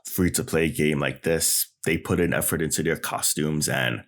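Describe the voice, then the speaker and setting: A man's voice: rumbling low, fairly even intonation, moderate pace, a bit bright. A man doing gaming news commentary, casual and blunt, ranting about his frustrations. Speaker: gaming YouTuber.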